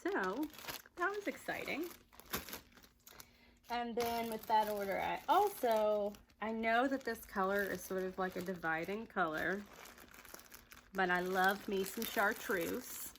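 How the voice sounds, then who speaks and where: A woman's voice: mid-range voice, lively intonation, takes it slowly, long pauses, a bit bright, a little hiss or hum, rough recording. A chatty woman with a Southern accent, rambling cheerfully through a casual yarn vlog and laughing often. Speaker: yarn vlogger. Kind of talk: casual chat.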